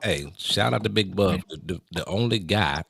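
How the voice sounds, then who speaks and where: A man's voice: sits low, animated, moderate pace, vocal fry, a bit bright, husky, no echo. A man casually hosting a talk show and introducing guests in an informal, conversational way.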